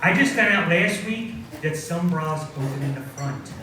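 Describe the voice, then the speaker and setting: A man's voice: a little high, animated, moderate pace, pushed and bright. Echoey middle-aged man doing stand-up. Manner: self-deprecating punchline delivery. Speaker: stand-up comedian. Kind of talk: stand-up comedy set. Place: coffee house stage. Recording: very echoey room, far mic, audience noise.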